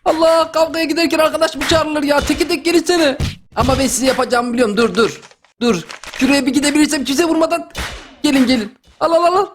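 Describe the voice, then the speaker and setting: A young man doing a comic dub over gameplay, excitable and yelling in slang. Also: extremely high pitch, fast talker, background noise. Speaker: gaming YouTuber.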